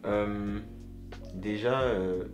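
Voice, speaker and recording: Brief: male guest from Togo, lowish voice, halting and easygoing, soft music in the background. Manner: hesitant, fills with "euh" and "tu vois". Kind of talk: casual interview chat.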